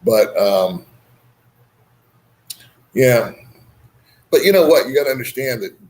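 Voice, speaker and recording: Slow and expressive, with a medium pitch and a darkish tone, a man rambles through his casual livestream, chuckling and bantering easily as he reads out and responds to viewer comments.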